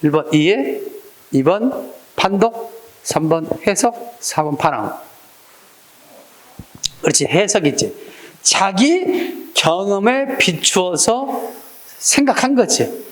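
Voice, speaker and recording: Male exam-prep lecturer, high voice that swings around a lot, conversational and questioning. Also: lively intonation, slow pace, pauses often, reverberant. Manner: questioning, acts out little scenes with quoted voices. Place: lecture room.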